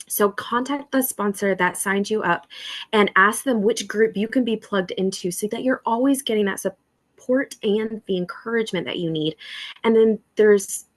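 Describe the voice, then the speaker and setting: A woman's voice: medium pitch, normal speed. Encouraging chatty woman. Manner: encouraging, chatty, acts out little dialogues. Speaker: host of a welcome call for new members. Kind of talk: upbeat welcome talk to new members.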